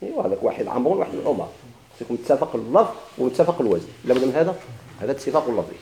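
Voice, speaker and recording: A man's voice: mid-range voice, big pitch swings, very fast, warm tone, roomy sound, low-quality recording. A man with a Moroccan Arabic accent teaching a grammar lesson, asking questions and answering them himself with repeated examples.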